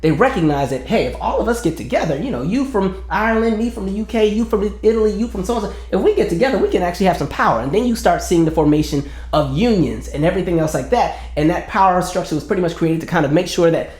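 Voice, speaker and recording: A man's voice: high voice, animated, quick pace, few pauses, darkish tone, roomy sound. A man giving an earnest opinion monologue as a commentary vlogger, building his argument point by point and sometimes acting out quoted voices.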